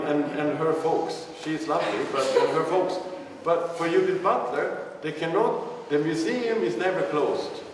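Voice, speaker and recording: A man giving a live lecture, casual and irreverent, thinking aloud with frequent restarts. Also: fairly high pitch. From Sweden. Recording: echoey hall, speaker far from the mic, faint noise.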